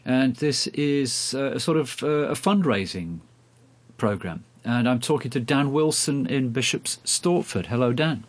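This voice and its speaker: In a mid-range voice and at a measured pace, a man hosts a radio show through a hesitant, self-deprecating casual chat. He is recorded on a handheld, dictaphone-style device during a phone call.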